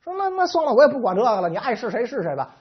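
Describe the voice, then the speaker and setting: A man's voice: very high-pitched, very animated, very fast, slightly rough, voice pushed up, exaggerated voice. A man voicing a flustered young male office secretary on his first day, stammering and exasperated. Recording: slightly dull lo-fi recording.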